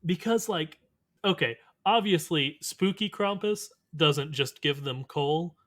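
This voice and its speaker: A man's voice: on the high side, slow pace, fairly bright tone. A man co-hosting a podcast, bantering in a playful, teasing way in casual chat. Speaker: podcast co-host.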